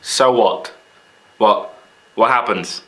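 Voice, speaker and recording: A man's voice: fairly low pitch, slow pace, fairly bright tone. A young British man talking in an unscripted vlog, blunt and sarcastic, swearing freely and jumping into mocking voices for quotes. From Britain. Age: young adult. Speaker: vlogger. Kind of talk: unscripted casual vlog monologue.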